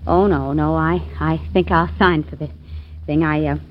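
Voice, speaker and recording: A woman's voice: deep voice, fairly even intonation, normal speed, close to an everyday voice. An actress in an old radio drama playing a scatterbrained, fluttery woman who dithers absent-mindedly. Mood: dithering, flustered. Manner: dithering, scatterbrained, flustered stalling. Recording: dull, noisy old radio recording.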